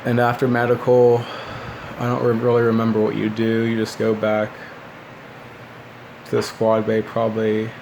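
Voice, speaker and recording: A man in his twenties talks casually to his phone in a small room. His voice sits a little low and stays very even, with a lot of fry at the edges. He rambles in a laid-back way, and there is clear background noise from air conditioning. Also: normal speed, pauses often, low-quality recording. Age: 20s. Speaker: former military recruit recounting boot camp. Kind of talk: casual rambling storytelling to camera. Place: small living room indoors, seated by a window. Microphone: phone at arm's length.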